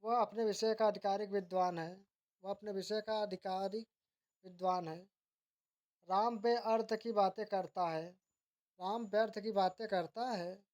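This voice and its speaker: A woman teaching, reading out pairs of wrong and corrected grammar sentences in a steady, measured recitation, with occasional self-corrections mid-word. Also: mid-range voice.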